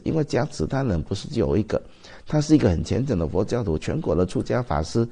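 A man's voice: low voice, warm tone, husky. A man with a Taiwanese Mandarin accent, a Buddhist master giving a dharma talk, telling stories and asking the audience rhetorical questions.

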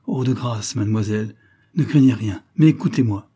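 A man voicing an ardent, emphatic young male suitor in a storybook reading, a little higher than his own voice. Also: lively intonation, normal speed, dark tone, breathy edge. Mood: pleading. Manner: emphatic, pleading.

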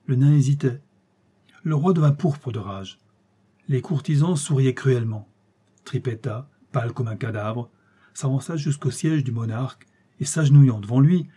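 A man reading a classic story aloud as an audiobook narrator, steady and expressive. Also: mid-range voice, breathy edge.

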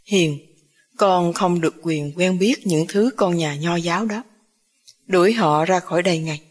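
A woman's voice: fairly low pitch, unhurried, a little mellow, in a large hall. A woman voicing a cold, bitter old grandmother who speaks in an icy, commanding way. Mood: cold, contemptuous.

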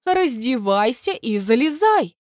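Woman voicing a bossy maidservant, scornful, slow commanding delivery, voice swinging high and low, close dry sound, audiobook. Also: sing-song, no echo. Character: stern bossy female servant, scornful. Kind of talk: audiobook reading.

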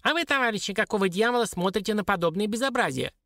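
Squeaky, shrill little dwarf. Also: male voice, animated, fast talker, bright, forceful tone, dry recording, clean studio sound, heavily acted. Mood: whiny. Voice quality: piercing, squeaky screech. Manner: wailing, pleading and cursing by turns. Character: shrill, sly little dwarf captive, whiny and spiteful. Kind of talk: audiobook character voice.

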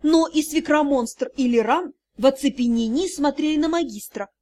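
A woman reading a first-person fantasy audiobook in a lively, expressive narration. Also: high-pitched, normal speed.

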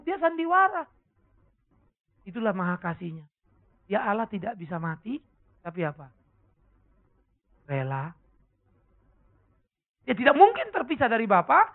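A man preaching a sermon, asking the congregation questions and breaking into sudden loud cries. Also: high voice, gravelly. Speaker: pastor. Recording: tinny phone-like lo-fi sermon recording.

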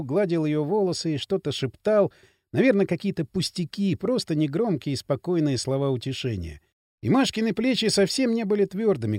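A man reading an audiobook as its narrator, in an expressive, dramatic way. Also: high voice, dry recording, clean studio sound. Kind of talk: scripted narration.

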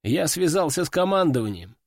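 A man's voice: fairly high pitch, sing-song, brisk, no echo, clean studio sound. A man voicing a weary male helicopter pilot who reports bad news with a resigned sigh, in an audiobook. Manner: resigned, sighing.

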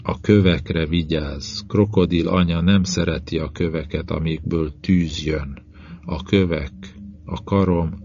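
A weak, feverish caveman near death, read by a man, murmuring slowly and quietly in broken phrases. The voice sits very low. The audiobook recording sounds dull and lo-fi. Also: level tone. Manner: slow, quiet, halting murmur. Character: feverish dying male caveman, primitive, weary.

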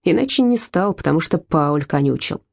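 A woman's voice: deep voice, expressive, normal speed, gravelly, a little mellow, exaggerated voice. A woman reading as a brash, defiant teenage boy. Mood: defiant, angry. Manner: boastful and angry.

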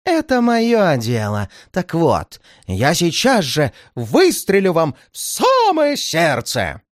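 A reader voicing a sly male criminal clerk who threatens in a slow drawl and turns to panicked cries, in a storybook reading. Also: medium pitch, wildly swooping pitch, no room sound, studio quality, pitched above the performer's own voice. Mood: menacing.

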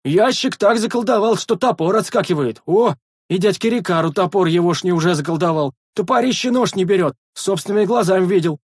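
A man voicing a young male sentry in an audiobook, wailing in a high, strained voice. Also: fairly quick, breathy edge, dry recording, clean studio sound. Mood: pleading. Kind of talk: audiobook character voice.

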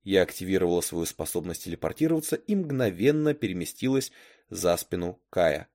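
A man narrating a storybook chapter with expressive, dramatic delivery. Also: deep voice, fairly quick. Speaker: story reader.

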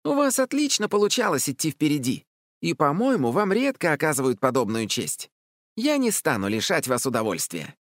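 Boastful kid commander read by a man, high, loud, eager. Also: sing-song, moderate pace, dry recording, clean studio sound. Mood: earnest. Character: excitable boastful young boy commander.

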